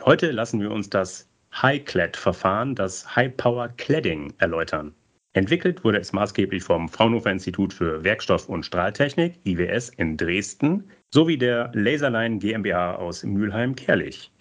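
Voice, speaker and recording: A man's voice: lowish voice, expressive, normal speed. A man hosting a podcast, reading a scripted introduction and putting questions to his guests, with playful wordplay. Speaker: podcast host.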